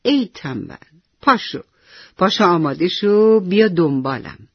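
A woman's voice: fairly low pitch, animated, husky, no echo, lo-fi sound. A woman voicing the sun in the sky, teasing and urging a lazy seed to wake up and sprout. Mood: coaxing. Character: warm sun in the sky, cheerful, coaxing, persistent.

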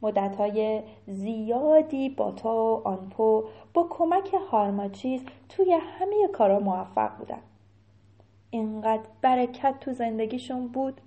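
A woman telling a story to children in an animated way, often turning to ask them questions. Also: on the high side.

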